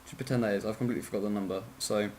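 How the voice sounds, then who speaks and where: A man's voice: fairly low pitch, fairly even intonation, racing, darkish tone, slight background noise. A man giving a casual, rambling game tutorial, sleepy and yawning, often apologizing, correcting himself and swearing.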